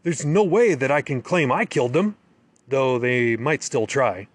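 A man's voice: mid-range voice, expressive, measured pace, dry recording. A man giving an intense, bitter, emotional first-person story narration.

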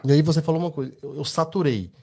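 A man's voice: on the high side, rapid-fire, vocal fry, mellow. A Brazilian man with a Brazilian Portuguese accent, co-hosting a podcast and telling rambling personal stories with frequent tag questions. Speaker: podcast co-host. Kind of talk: casual podcast chat.

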